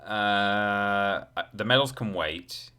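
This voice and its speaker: Drawing out his words in a low, sharp-toned voice, a man live-streams a video game and chats casually with viewers, thinking aloud as he rambles. Game music plays behind him, with a little hiss or hum on the recording.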